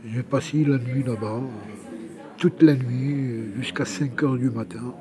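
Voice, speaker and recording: Crowd noise surrounds this interviewee, a homeless exiled journalist in his 60s, a Kabyle man from Algeria. He speaks slowly in a steady, mid-range voice. His testimony is personal and casual, and he repeats words as he reaches for what comes next.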